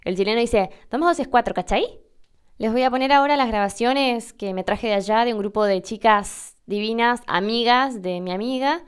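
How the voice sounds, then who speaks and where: A woman's voice: moderate pace, few pauses, smooth. A young woman in her late twenties with an Argentine accent, chatting casually about words to her viewers and acting out bits of dialogue. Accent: Argentine Spanish. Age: late 20s. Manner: chatty, acts out dialogue with pitch jumps. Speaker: vlogger. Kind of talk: casual explanatory monologue.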